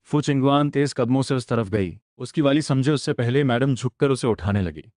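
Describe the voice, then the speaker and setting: A man narrating a story recap in the first person, in a steady, even manner on a close voice-over mic. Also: mid-range voice, moderate pace, no room sound.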